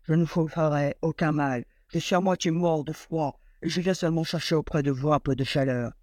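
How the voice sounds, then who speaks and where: A man doing a big, gentle talking bear. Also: a little high, fairly even intonation, fairly quick, no echo, natural voice. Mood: calm. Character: gentle talking brown bear, male, large.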